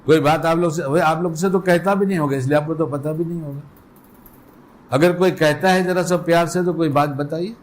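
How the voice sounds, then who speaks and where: A man's voice: on the high side, fairly even intonation. A man delivering an Islamic sermon in a colloquial way, putting rhetorical questions to his listeners. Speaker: preacher.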